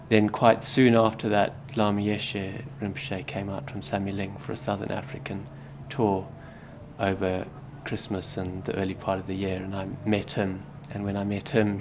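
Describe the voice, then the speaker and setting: A man in his thirties from Zimbabwe, a Buddhist monk answering interview questions in a soft, hesitant way that often trails off quietly. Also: lowish voice, background noise. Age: 30s.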